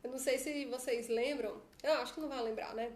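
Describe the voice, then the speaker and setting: A woman's voice: high voice, steady tone, fast talker, a little mellow. A Brazilian woman with a chatty manner, coaching her followers in a casual live stream on her phone. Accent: Brazilian Portuguese. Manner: chatty, often adds tag questions. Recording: echoey room.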